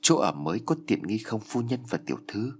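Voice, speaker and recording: A man voicing a calm, stern old boatman who accuses the guilty in a storybook reading. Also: lowish voice, fairly quick, a little hiss or hum.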